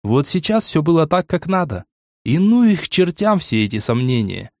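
A man giving an even, measured first-person audiobook narration. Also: a little high, no echo, clean studio sound.

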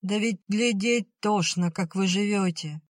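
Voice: mid-range voice, a little slow, no room sound, studio quality, pitched above the performer's own voice, close to an everyday voice. A narrator voicing a bitter, grumbling old peasant mother who wails and scolds, in an audiobook reading. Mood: wailing. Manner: wailing, scolding.

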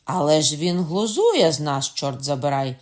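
An audiobook reader voicing a hot-tempered young nobleman who shouts and threatens. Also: mid-range voice, lively intonation, moderate pace, close to an everyday voice. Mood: indignant shouting. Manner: loud, shouting and indignant. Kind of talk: audiobook character voice.

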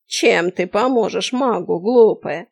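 A creaky, mumbling old shopkeeper woman, as a woman reading an audiobook puts her on, drawling her words slowly and waving off every worry. She sounds nosy and unhurried, like a storybook granny. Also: mid-range voice, animated, a little mellow, heavily acted. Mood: scolding. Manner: slow, unhurried and dismissive. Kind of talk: audiobook character voice.

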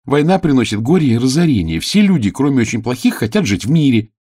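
A man's voice: mid-range voice, very animated, fast, warm tone, slightly rough, no echo, clean studio sound, pitched above the performer's own voice. A man voicing an earnest, brave young girl disguised as a page in an audiobook drama, speaking in a raised, pleading voice.

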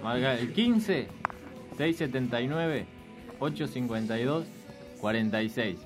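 A man's voice: medium pitch, animated, unhurried, over music. A man in his thirties with a Rioplatense accent, a band member guest on a radio show, playfully coaxing a listener to call. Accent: Rioplatense Spanish. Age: 30s. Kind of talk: casual radio chat.

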